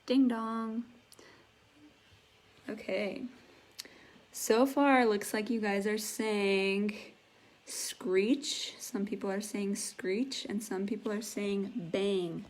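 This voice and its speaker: A woman's voice: medium pitch, steady tone, extremely slow, pauses often. A woman teaching a live online English class, patiently explaining words and encouraging her students. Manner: patient, encouraging, imitates sound effects.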